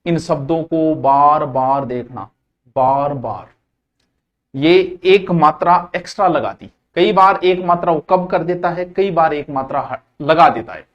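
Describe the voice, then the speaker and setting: High-voiced teacher drilling words. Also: male voice, measured pace, hardly any pauses, lo-fi sound. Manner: drilling, repeats words many times; folksy and animated, sudden loud stresses. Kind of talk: Hindi grammar class.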